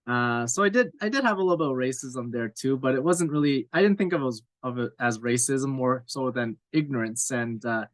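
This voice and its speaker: A man in his thirties from Cape Breton Island, Nova Scotia, Canada, tells his story as a podcast guest in a casual interview, candid, rambling, self-deprecating, and full of fillers. His mid-range voice is expressive and a little fast with hardly any pauses, and the recording is dry and rough.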